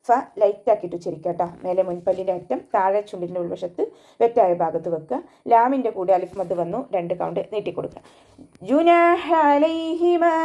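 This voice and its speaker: A woman teaching Quran recitation step by step, chanting the verses in a high melodic tone between patient explanations. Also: warm tone, muffled recording. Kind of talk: tajweed lesson, recitation and explanation.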